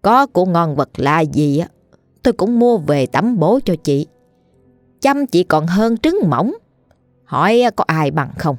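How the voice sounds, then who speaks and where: A woman voicing a spiteful old village mother-in-law who scolds and wails in a sour, shrill way. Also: sing-song, a little slow, no echo, faint music behind. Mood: shrill scolding.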